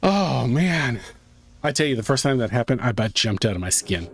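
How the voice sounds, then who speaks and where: A man's voice: mid-range voice, very animated, moderate pace, slight background noise. Man narrating his horror game run. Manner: tense running commentary, muttering to himself. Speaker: gaming YouTuber. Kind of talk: let's-play commentary.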